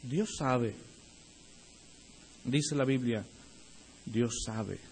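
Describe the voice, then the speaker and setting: A man's voice: medium pitch, very slow, breathy edge. A young adult male pastor preaching a sermon, speaking directly to the congregation and rising into emphatic bursts.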